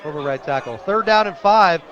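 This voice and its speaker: An American man calls a football game live on radio as the play-by-play announcer from an outdoor high school stadium. His high voice is animated and moderately paced. The lo-fi broadcast carries music and a loud crowd behind him.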